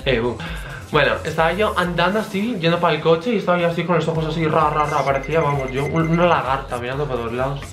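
A man's voice: fairly high pitch, fairly even intonation, rapid-fire, hardly any pauses, a bit bright. A young man with a Spain Spanish accent, telling a story in a camp, dramatic way with crude slang. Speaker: vlogger. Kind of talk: casual storytelling. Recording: roomy echo, faint music.

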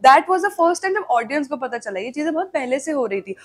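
A woman's voice: sits high, sing-song, normal speed. A young woman speaking as an interview guest, candid and emphatic, switching between Hindi and English.

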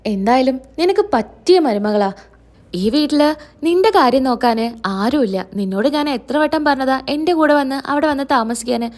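A woman's voice: high voice, expressive, normal speed, darkish tone. A woman voicing a stern grandmother who scolds her family in a reproachful way. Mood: scolding.

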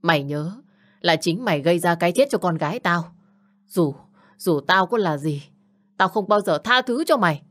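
A woman's voice: fairly low pitch, expressive, moderate pace, a bit bright. Woman doing a remorseful, pleading old father. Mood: furious. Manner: humble, pleading.

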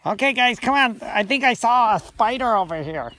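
A woman's voice: a little high, animated, normal speed, a bit bright. Casual boy doll voiced by a woman. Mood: eager. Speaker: toy adventure show co-host. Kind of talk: playful outdoor toy vlog. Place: outdoors in a yard.

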